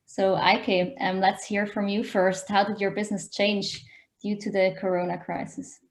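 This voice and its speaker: A woman moderates a startup panel. She introduces each speaker and moves to the questions politely and in order. Her voice sits at an ordinary middle pitch. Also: flat delivery, normal speed.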